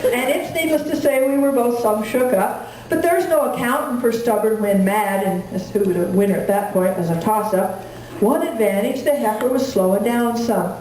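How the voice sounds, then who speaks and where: A woman recites cowboy poetry to a live audience in a folksy, storytelling way, in rhymed and measured verse. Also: fairly high pitch, a little mellow. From rural Wyoming, United States. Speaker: cowboy poet. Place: indoor room at a live gathering. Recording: echoey room, distant mic, faint noise.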